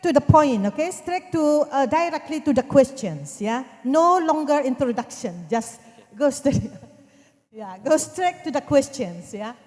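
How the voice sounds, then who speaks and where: An echoing hall carries a woman's high, soft-edged voice with an Indonesian accent. She moderates questions hesitantly, repeating her instructions. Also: animated, a little slow. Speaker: session moderator. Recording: echoey hall with long reverb.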